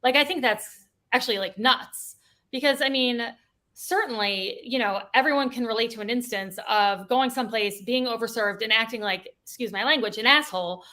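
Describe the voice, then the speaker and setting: Woman, podcast co-host, casual chat, rambling, bright tone. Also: a little high, normal speed. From United States. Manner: chatty, lots of "like" and "I don't know". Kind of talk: casual local-politics discussion.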